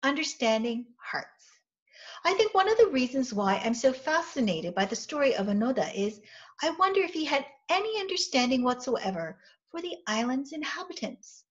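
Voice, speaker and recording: Woman, middle-aged, pastor, earnest measured sermon, small office, lo-fi webcam sound. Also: sits high, sing-song. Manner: measured, earnest reflective preaching. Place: small indoor office with bookshelves. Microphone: webcam, seated facing camera. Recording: dull lo-fi webcam audio.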